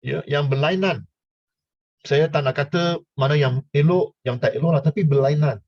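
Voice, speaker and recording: A man's voice: on the high side, normal speed, no room sound. An older man preaching, stammering, full of fillers and playful asides. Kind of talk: sermon. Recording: dull lo-fi sound, dry.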